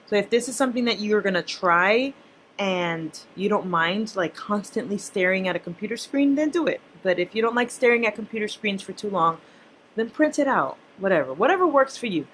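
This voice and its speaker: Chatty young mom vlogging. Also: female voice, mid-range voice, lively intonation, a little fast, fairly bright tone, a little hiss or hum, low-quality recording. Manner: chatty, blunt, addresses viewers as "y'all". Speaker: personal finance vlogger, mother. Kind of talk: casual talk to camera.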